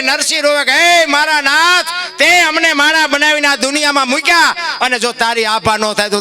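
A man delivers a preachy folk discourse in a high, bright, ringing voice. He often surges into emotional outbursts. Soft music plays behind him. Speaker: dayro storyteller. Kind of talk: folk discourse to a live audience.

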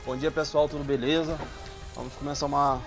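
A man's voice: a little high, little pitch movement, a little fast. A man, chatting casually and rambling while he streams a game, exclaiming at what happens on screen. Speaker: gaming streamer. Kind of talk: casual let's-play commentary. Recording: loud game music behind voice.

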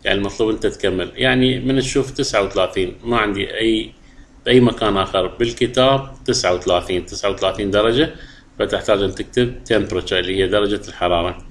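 A middle-aged man with an Iraqi Arabic accent teaching a lesson. He reads English phrases slowly and deliberately, then explains them. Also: fairly low pitch. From Iraq.

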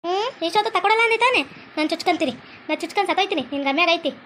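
A sulky, demanding young village wife, as a woman puts her on in a comedy skit, nagging in a very high, rapid voice. She has a North Karnataka Kannada accent, with faint background noise. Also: expressive, fairly bright tone. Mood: threatening. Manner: nagging, threatening.

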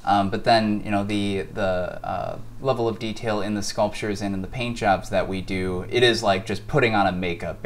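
A man's voice: on the low side, a little hiss or hum. A man who owns a mask company, explaining his products in an interview with many fillers, recorded in a workshop showroom by a camera mic. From Wisconsin. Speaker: mask company owner and artist.

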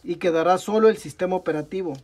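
Quick and high-pitched, with a darkish tone, a young Mexican man hosts a tech repair tutorial at an indoor desk workbench, recorded with bench mic sound. He speaks with a Mexican Spanish accent, talking through each hands-on step with frequent "ok, amigos" and self-corrections.

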